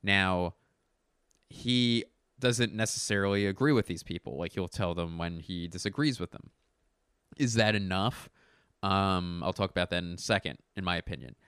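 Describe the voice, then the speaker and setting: A stand-up comedian with a low, hoarse voice rambles to camera from home, often stopping to clear his throat. Beneath the rasp his tone is smooth and a bit bright, recorded close and dry with no room sound. He talks at a normal speed, corrects himself mid-sentence and swears casually.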